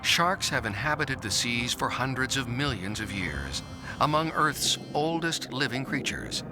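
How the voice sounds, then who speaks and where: Expressive male nature documentary narrator. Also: mid-range voice, a little slow, rough recording. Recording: narration over music bed. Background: music.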